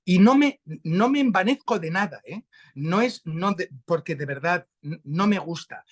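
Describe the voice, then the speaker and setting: A man with an accent from Spain, explaining a Bible passage slowly and thoughtfully in a conversation over a video call. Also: high-pitched. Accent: Spanish from Spain. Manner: slow, reflective, animated rises when stressing a point. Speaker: guest speaker. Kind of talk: conversational religious teaching.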